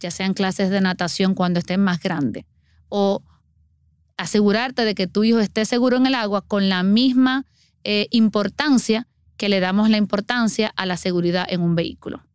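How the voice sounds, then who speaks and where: A woman's voice: medium pitch, fairly even intonation, normal speed, clear, resonant tone, dry recording, clean studio sound. A middle-aged woman, earnestly explaining child water safety as a guest on a podcast. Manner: earnest, explanatory, acts out everyday scenes.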